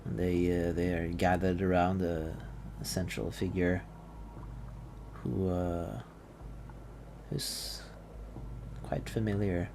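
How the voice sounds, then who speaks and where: A man's voice: deep voice, takes it slowly, vocal fry, pauses often. A man narrating a tabletop game as game master, hesitant with many fillers and restarts. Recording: steady background noise.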